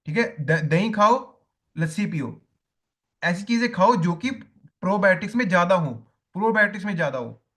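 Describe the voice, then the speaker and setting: Male coach, high voice, repetitive classroom teaching style. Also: animated, normal speed, a bit bright. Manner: repetitive, tells listeners to write points down. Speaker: diet coach. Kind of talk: spoken lesson to coaches.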